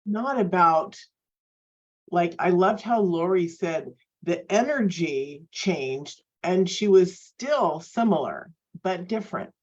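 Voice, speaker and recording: A woman's voice: fairly low pitch, lively intonation, takes it slowly, darkish tone. Woman on a glitchy cutting-out call mic. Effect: mic cutting in and out, dropping words. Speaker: life coach co-host. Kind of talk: casual live online talk. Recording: dull lo-fi web call audio.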